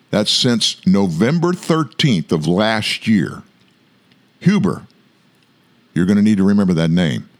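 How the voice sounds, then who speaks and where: With a mid-range voice, a man hosts an online show of political news commentary. He talks emphatically, lingering on stressed words and slipping in remarks to his audience.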